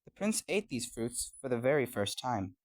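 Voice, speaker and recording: Reading a scripted fairy tale, this male storyteller gives an expressive, storybook-style performance. He speaks at a normal speed with a medium pitch.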